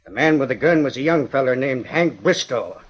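Old-time radio western: folksy, excitable old prospector, rustic delivery, husky, muffled vintage sound. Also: male voice, medium pitch, normal speed. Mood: folksy, earnest. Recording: dull old radio recording.

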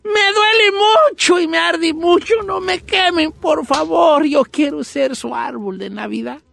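Mujer haciendo un arbolito llorón que suplica. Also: female voice, high-pitched, expressive, a little slow, a bit bright, a little hiss or hum, voice pushed up, exaggerated voice. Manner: whimpering, begging, cries out in pain. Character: small male Christmas tree, pleading and fearful.

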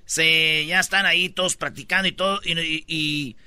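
A male Mexican radio host with a strikingly bright, cutting tone and a fairly high voice. He rambles through slangy, joking stories in lively comedic banter with his co-host. His delivery is that of an on-air storyteller. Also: normal speed, clean tone, dry recording. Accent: Mexican Spanish.

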